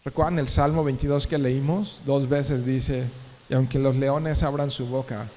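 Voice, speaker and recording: A man's voice: medium pitch, fairly even intonation, a little slow, darkish tone. A male pastor giving a verse-by-verse sermon, talking to the congregation conversationally and often asking rhetorical questions. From Mexico. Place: church sanctuary. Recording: long church reverb.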